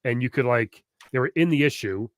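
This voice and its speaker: A man co-hosting a casual podcast, laughing a lot, swearing casually and throwing in quick asides while reading old magazine letters. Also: medium pitch, animated, no echo, clean studio sound. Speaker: podcast co-host.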